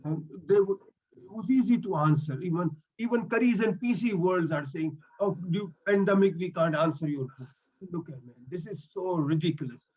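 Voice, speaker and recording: A man in his fifties, a native Swahili speaker, talks earnestly in non-native English as a mental health link worker during an online meeting. His voice sits high, with a darkish tone and a normal pace. The video-call microphone makes the audio sound dull.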